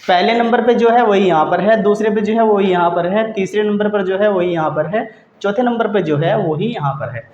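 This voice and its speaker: A man's voice: high voice, normal speed, a little mellow, a little hiss or hum. A man teaching a grammar lesson, who repeats key points and asks and answers his own questions. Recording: roomy, dull lo-fi sound.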